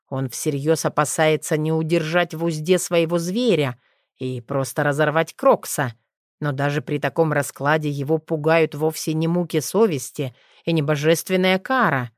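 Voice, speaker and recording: A woman narrating an audiobook in a steady, measured storytelling manner. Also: deep voice, dry recording, studio quality.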